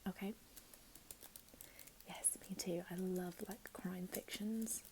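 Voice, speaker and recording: A woman playing a helpful, chatty librarian in a whispered role-play, speaking in a gentle, unhurried library whisper. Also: lowish voice, steady tone, a little hiss or hum, rough recording. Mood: friendly, attentive. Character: helpful, chatty female librarian signing up a patron.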